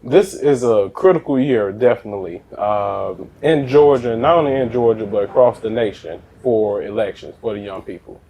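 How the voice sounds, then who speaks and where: A man from Chicago speaks on a panel, earnest and measured. His voice sits somewhat low, with faint room ambience behind it. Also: dark tone, slight background noise, low-quality recording. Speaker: political canvass organizer. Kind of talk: panel discussion.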